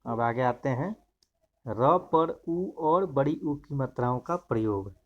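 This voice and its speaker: A man's voice: medium pitch, expressive, slow pace, lo-fi sound. A man teaching a grammar lesson, explaining step by step and pointing to examples as he goes.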